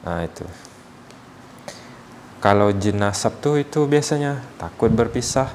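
A man working as a ruqyah healer, calmly explaining to a patient and acting out short quotes as examples. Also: lowish voice, a little slow, a little hiss or hum.

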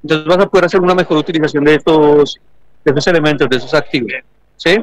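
A high-voiced man with a Colombian accent, a lecturer walking visitors through his display. He speaks patiently and keeps checking that they follow. The sound is dry and close, with little room echo. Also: fairly even intonation, fast talker. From Argentina and Colombia. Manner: explanatory, checks understanding with frequent "¿sí?". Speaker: electrical engineering lecturer and researcher. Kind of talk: explaining at an education fair stand. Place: large indoor exhibition hall.

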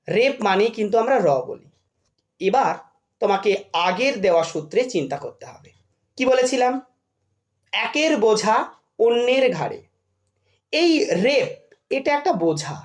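A woman teaching a children's spelling lesson, asking questions and answering them herself and repeating a catchy rule. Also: on the high side.

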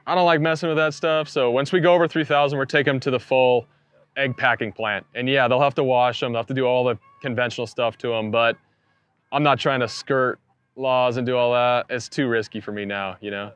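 A man in his thirties, a poultry farmer, explaining his operation in a relaxed, matter-of-fact way during an outdoor farm tour. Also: mid-range voice, fairly quick, clean tone, highs cut off. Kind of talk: casual farm tour talk. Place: outdoors on a farm pasture beside a coop.

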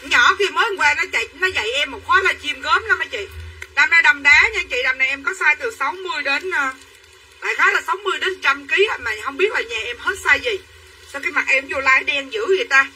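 This livestream clothing seller talks fast, her voice sitting high and sounding pushed and bright. She chats her way through a dress pitch, addressing viewers as sisters, picked up from afar with a faint hum of the room.

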